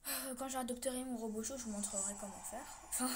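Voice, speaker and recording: A young woman casually commentating her own pet game, cheering loudly at her virtual dog and swearing when she loses. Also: a little high, steady tone, quick pace, a little hiss or hum. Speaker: gaming vlogger.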